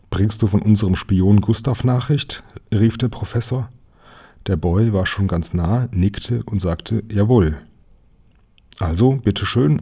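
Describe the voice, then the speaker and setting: Low, dark, husky man narrating a storybook, lively voicing of kids. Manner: lively, shifting pitch for quoted boys. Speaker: audiobook narrator. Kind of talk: audiobook reading of a children's novel, voicing the boys.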